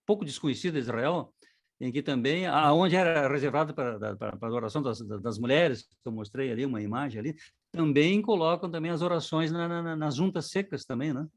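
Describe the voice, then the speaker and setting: Lively, high-pitched Brazilian man. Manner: lively, affirming, many restarts. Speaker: study group teacher. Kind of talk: casual online group discussion.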